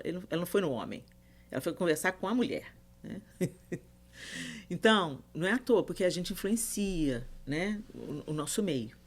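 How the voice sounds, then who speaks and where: A woman pastor telling a personal story as a podcast guest, earnest and soft-spoken, dropping to a hush when she repeats advice. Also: fairly low pitch. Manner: soft-spoken, drops to a hushed voice for quoted advice. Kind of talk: earnest testimony in casual chat.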